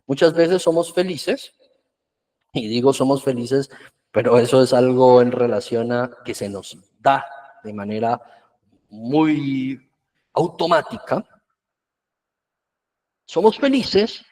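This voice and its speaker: A man's voice: mid-range voice, a little mellow. A man giving a virtual workshop talk on children's emotions, in an earnest, explanatory way. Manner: earnest, explanatory, acts out parents' scolding in quotes.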